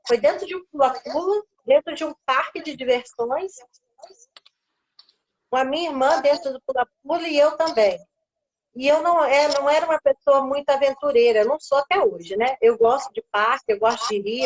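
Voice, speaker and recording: A woman's voice: high voice, expressive, moderate pace, muffled recording. A woman with a Brazilian Portuguese accent, a guest on a live stream, telling a personal faith story and acting out the voices she quotes.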